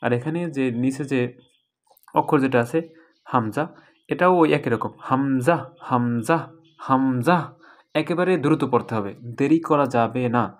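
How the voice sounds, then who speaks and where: In a recorded lesson on reading the Quran, a man with a mid-range voice explains patiently. He draws out each letter sound slowly as an example.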